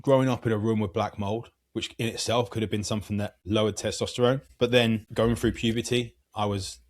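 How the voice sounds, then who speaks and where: A man's voice: lowish voice, fairly even intonation, fairly quick. Earnest man in his thirties. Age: 30s. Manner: earnest, long flowing explanations. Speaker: guest, hormone coach. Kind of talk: podcast interview.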